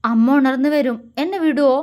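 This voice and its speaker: A woman's voice: sits high, darkish tone, lightly acted. A woman reading aloud voices a timid young woman in a romance story, who speaks hesitantly and stumbles over her words. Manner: hesitant, halting speech.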